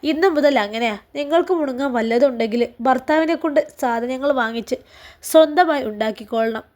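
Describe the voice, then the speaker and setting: A woman's voice: high voice, fairly quick, a little mellow, close to an everyday voice. A woman reading a storybook, voicing a cold, bossy sister-in-law who scolds bluntly. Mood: scolding.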